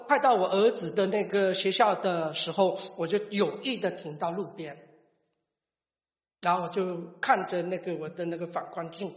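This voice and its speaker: A middle-aged man gives a personal testimony as a father, halting and restarting words as he tells the story. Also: sits high, a bit bright. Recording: echoey hall, dull lo-fi sound.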